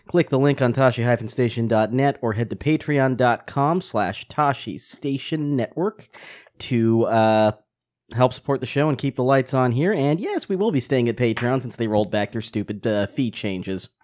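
A man's voice: mid-range voice, lively intonation, normal speed, darkish tone. Man hosting a casual podcast. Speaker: podcast host.

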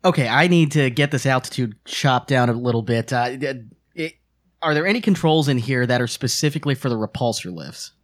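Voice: medium pitch, a little fast. A player in a tabletop game, stammering and flustered while describing their actions. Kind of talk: casual tabletop game chat.

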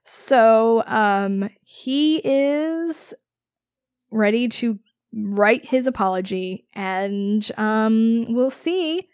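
A woman's voice: on the high side, lively intonation, drawn-out words, a little mellow, clean tone, dry recording, clean studio sound. A woman co-hosting a podcast, recapping a book in a casual, rambling way full of fillers. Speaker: podcast co-host.

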